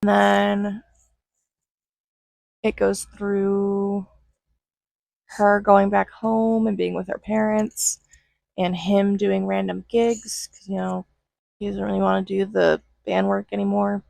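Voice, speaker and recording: A young woman recapping a movie in casual, flippant commentary, acting out lines in quick put-on voices. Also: medium pitch, level tone, creaky, darkish tone, no echo, poor audio. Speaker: movie reviewer.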